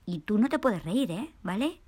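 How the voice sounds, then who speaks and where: A woman's voice: medium pitch, big pitch swings, moderate pace, mellow. A woman voicing a worried, strict mother possum who coaxes her son. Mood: coaxing. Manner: fussing, coaxing.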